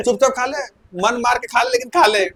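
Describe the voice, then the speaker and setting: A man's voice: on the high side, brisk, a bit bright, a little hiss or hum, close to an everyday voice. A man voicing a rude, pushy male food vendor on a train, brusque and bossy, retelling what he said. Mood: scolding.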